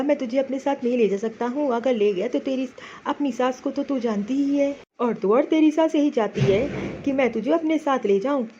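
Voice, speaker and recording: A high, coaxing cartoon father, voiced by a woman, kindly and reassuring to his daughter. The sound is dull and lo-fi with a faint hiss behind. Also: dark tone. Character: kindly older father, soothing and worried.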